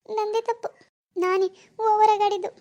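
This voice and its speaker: A woman's voice: very high voice, flat delivery, normal speed, mellow, highs cut off. A woman voicing a meek young wife in a cartoon, crying and begging forgiveness over and over. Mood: pleading tearful. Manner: apologetic, begging, keeps repeating sorry.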